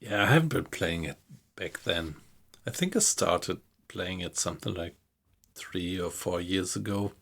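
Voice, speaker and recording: Slow, low-voiced man streaming. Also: gravelly, fairly bright tone. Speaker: game streamer. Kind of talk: casual live-stream chat while playing. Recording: background noise with keyboard typing.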